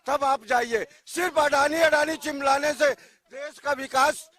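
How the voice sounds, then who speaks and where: A man's voice: very high voice, fairly even intonation, measured pace, bright, forceful tone. A man on a TV news debate panel defending the government, lecturing and repeating his points. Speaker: debate panelist, ruling party side.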